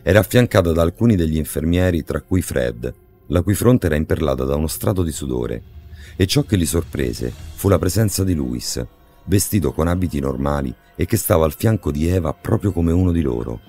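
A man narrating an audiobook with an extremely low, deep voice. He tells the story in a measured, dramatic way. Soft music plays faintly behind him. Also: expressive. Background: faint background music.

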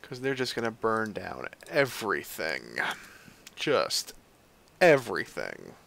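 A man's voice: lowish voice, huge pitch swings, slow, gravelly, a bit bright. A man giving casual let's play commentary on a strategy game, grumbling, sighing and swearing at it. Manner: swears freely.

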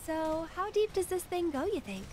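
A woman's voice: very high-pitched, sing-song, moderate pace, slight background noise. A woman voicing a plucky, playful young adventurer in a video game, teasing and assertive. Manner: bright-spirited, teasing, assertive.

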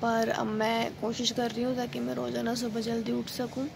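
Young woman, rambling vlog to camera, flat tone, noisy outdoor phone recording. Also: fairly high pitch, normal speed, gravelly. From India. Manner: chatty, rambling, filler-heavy. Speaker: vlogger. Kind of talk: casual vlog talk to camera. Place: outdoors on a quiet railway colony road. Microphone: phone held at arm's length.

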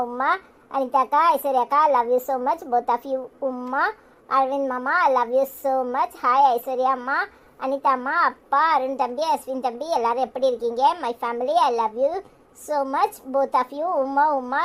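Channel creator, Tirunelveli accent, high voice, soft and affectionate comment read-out. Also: female voice. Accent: Tirunelveli Tamil. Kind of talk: reading out viewer comments.

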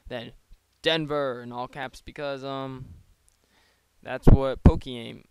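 A man talks through his own online battle in a loose, rambling play-by-play, breaking off for joking asides. His voice is smooth and clear, sitting at an everyday pitch. He is close on a desk microphone in a dry, dead-sounding space. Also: steady tone, slow, dry recording. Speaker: league player.

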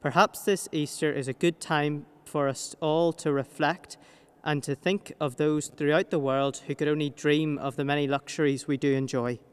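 A teenage Northern Irish man, earnest and measured, reading a prepared reflection at a lectern in a large cathedral. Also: fairly high pitch, fairly even intonation, clean tone. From Northern Ireland. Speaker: youth reader. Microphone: lectern mic. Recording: long cathedral reverb.

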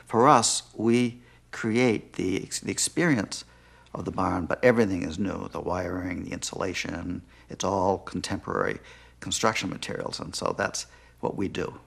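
A man's voice: low voice, moderate pace, creaky, a bit bright, breathy edge. An older man, a company CEO, explaining his work thoughtfully in an interview in a living room. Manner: thoughtful, gestures as he explains, restarts mid-phrase.

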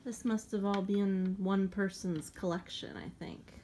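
Woman, off-camera parent, slow and relaxed delivery, noisy home recording with crinkling. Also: mid-range voice. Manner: easygoing, prompting questions off camera. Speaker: parent filming her daughter's toy haul. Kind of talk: casual home video chat.

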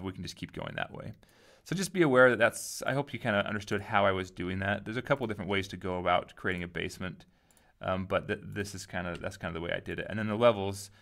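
A man with a lowish, gravelly voice walks through a software tutorial in a loose, relaxed way. He thinks aloud and lets his sentences trail off. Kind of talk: casual screen-recorded tutorial.

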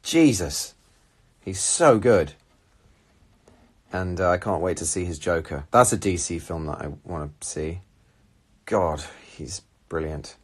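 A man's voice: sits low, lively intonation, slow pace, long pauses, slightly rough. A young man casually chatting on a live phone stream, talking animatedly and reading out viewer comments from a small room. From England. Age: young adult. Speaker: livestream host answering viewer questions. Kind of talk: casual chat. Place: small room indoors, seated on red sofa. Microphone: phone at arm's length.

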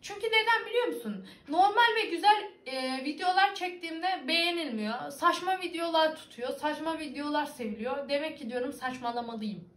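A woman's voice: high-pitched, lively intonation, normal speed, few pauses, fairly bright tone. A young woman from İzmir with an Aegean Turkish accent, casually reading and teasing back at viewer comments, laughing often. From İzmir, Turkey. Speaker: vlogger. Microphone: computer webcam. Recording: echoey room.

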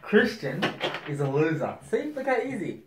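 A man's voice: on the high side, very animated, normal speed. A man in his twenties speaking muffled and slurred through a mouthguard in casual challenge banter with a friend. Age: 20s. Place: small bare indoor room at a table. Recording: echoey room with faint noise.

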